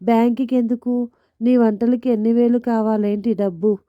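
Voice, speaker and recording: A woman's voice: fairly high pitch, level tone, normal speed, no room sound, close to an everyday voice. A woman voicing a grumpy, sarcastic middle-aged husband who scolds and teases his wife in a storybook tale. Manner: scolding, teasing. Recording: dull lo-fi dry recording.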